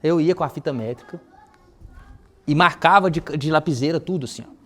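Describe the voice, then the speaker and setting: A man preaching at a brisk, rushing pace, his voice sitting a little high for a man. He tells personal testimonies like a storyteller, acting out remembered conversations in relaxed everyday slang. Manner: lively storytelling that acts out remembered dialogue in casual slang.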